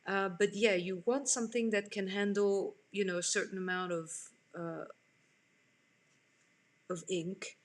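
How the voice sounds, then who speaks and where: A French woman in her forties hosts a live online art class from a room at home, chatting casually with viewers and answering their comments while she draws. Her mid-range voice is steady and a little slow, and she pauses often.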